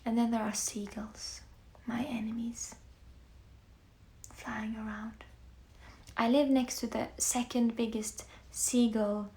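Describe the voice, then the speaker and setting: A young Norwegian woman with a Norwegian accent, chatting softly on a livestream while she paints, often slipping into near-whispers. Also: on the high side, little pitch movement, takes it slowly. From Norway. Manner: soft-spoken, often drifting into near-whispers. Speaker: musician live-streaming to fans. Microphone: phone. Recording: echoey room with faint background hiss.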